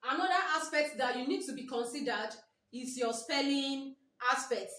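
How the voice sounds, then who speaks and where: A woman's voice: high-pitched, animated, normal speed, fairly bright tone, recorded from a distance. A woman with a Nigerian English accent teaching a biology exam-prep lesson, often repeating herself and asking "what?" before answering her own question. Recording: echoey room, voice from afar.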